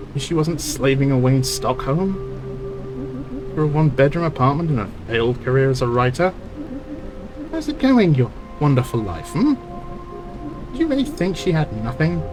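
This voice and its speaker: A man reading the lines of a bitter woman defending her late sister in a point-and-click game. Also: medium pitch. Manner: cold, scornful, cutting reading of game dialogue.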